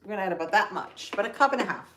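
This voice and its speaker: A woman's voice: mid-range voice, lively intonation, racing, a bit bright. An upbeat woman with a Spanish accent hosts a live cooking demo from her home kitchen. She chats with viewers, greets them by name and walks through each step. The room is echoey and a faint hiss sits under her voice. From Central Florida, United States. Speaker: host of a live cooking stream.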